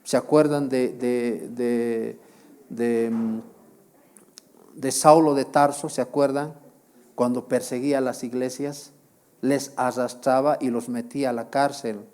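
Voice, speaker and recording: A man preaching in a slow, deliberate sermon. His voice is mellow and dark, sitting at an ordinary pitch, and he keeps repeating phrases and putting questions to his listeners. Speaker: pastor.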